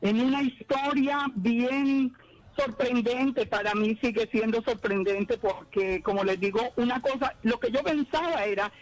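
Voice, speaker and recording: Woman guest on a dull line. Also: a little high. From Colombia. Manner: earnest, measured storytelling with restarts. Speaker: guest Torah teacher. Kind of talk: radio interview answers.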